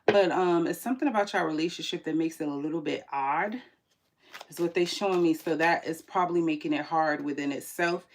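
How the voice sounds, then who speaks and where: A woman with a low, gravelly voice hosts a casual tarot livestream. She reads viewer comments aloud and talks in a relaxed, slangy way between card pulls. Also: a little fast. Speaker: tarot reader hosting a livestream.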